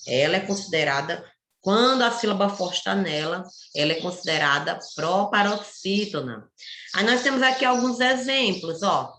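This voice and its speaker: Woman teacher, Brazilian Portuguese accent, bright voice, echoey room. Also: medium pitch, animated, slight background noise. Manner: slow, careful, explains step by step. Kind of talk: online lesson for children.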